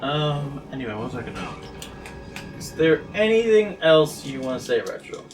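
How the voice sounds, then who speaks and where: An excitable man chatting over a game playthrough, laughing often and tripping over repeated words. He sounds a bit far from the mic, with game music running underneath. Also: on the high side, normal speed. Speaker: let's play commentator. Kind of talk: casual group banter.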